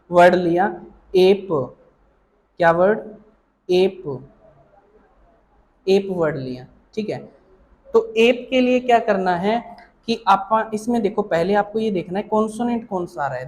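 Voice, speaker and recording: Man with a high voice, patient teacher, explains in small steps and keeps checking in with the class. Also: darkish tone. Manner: explains slowly, often checking with "theek hai na". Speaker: shorthand teacher. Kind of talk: online classroom lesson.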